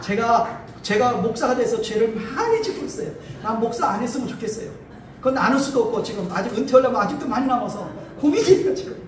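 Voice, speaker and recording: A man's voice: very high voice, lively intonation, quick pace. Combative male pastor lecturing in an echoey hall. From Chungcheong, Korea. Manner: combative, rhetorical questions, repeats phrases. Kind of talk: political lecture to an audience. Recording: echoey hall from a distant mic, faint noise.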